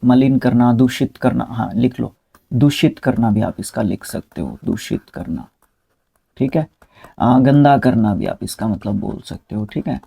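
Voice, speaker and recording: A man's voice: mid-range voice, vocal fry, dark tone. A man teaching English vocabulary in a casual spoken lesson, talking students through spellings, repeating words and correcting himself mid-word.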